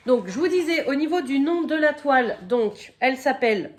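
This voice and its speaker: A woman chatting casually through an unboxing, her voice a little croaky from a cold, filling pauses with "donc" and "euh" and stopping now and then to cough. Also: high-pitched, expressive. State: has a cold, slightly croaky voice. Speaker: crafting vlogger.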